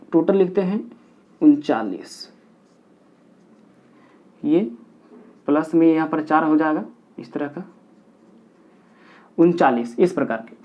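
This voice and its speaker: A man teaching a grammar lesson at a board, counting aloud step by step and repeating key points for his pupils. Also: high-pitched. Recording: dull lo-fi recording.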